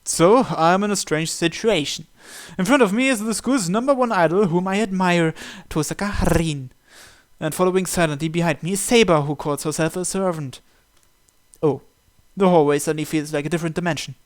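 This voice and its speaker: The host of a gaming series reads first-person narration from a visual novel aloud, working through the script line by line. His voice is somewhat high and his pace fairly quick.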